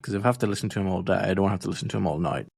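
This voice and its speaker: A man co-hosting a casual sports podcast, relaxed and teasing his co-host. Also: low voice, very fast, vocal fry, husky, dry recording, clean studio sound.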